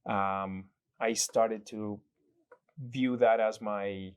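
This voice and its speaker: Reflective man, halting with frequent restarts. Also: on the low side, steady tone, smooth. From El Salvador. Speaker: guest. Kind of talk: conversational interview.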